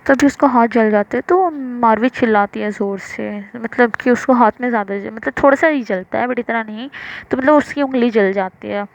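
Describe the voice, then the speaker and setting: A woman's voice: a little high, moderate pace, creaky, lo-fi sound. A woman narrating a love story casually, with many fillers and restarts. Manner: loose, filler-heavy retelling.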